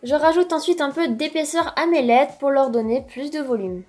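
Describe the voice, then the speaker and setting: Young female tutorial host, high voice, friendly step-by-step explainer, faint music bed. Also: normal speed, a little mellow. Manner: chatty, explains each step. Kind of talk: friendly how-to narration.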